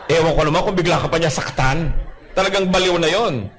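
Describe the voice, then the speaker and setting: A man preaching a sermon as pastor, animated and humorous, acting out everyday quarrels. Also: a little high, fairly quick.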